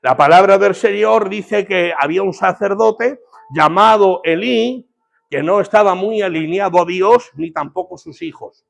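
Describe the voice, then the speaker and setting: A male pastor delivers a fervent sermon. His voice sits high and carries a gravelly edge. He pauses to draw responses from the congregation. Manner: fervent preaching with call-and-response.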